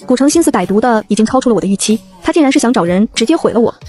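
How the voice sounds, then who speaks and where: A woman narrating a first-person novel as an audiobook reader, in a brisk storytelling manner. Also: on the high side, expressive, a little mellow, faint music behind.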